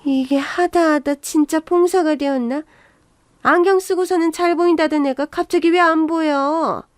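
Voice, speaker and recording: A woman's voice: high voice, steady tone, moderate pace, dry recording, studio quality, voice pushed up, natural voice. A woman voicing a bossy, scornful older mother-in-law who nags and scolds, as part of a radio story reading. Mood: scolding. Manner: scornful, nagging.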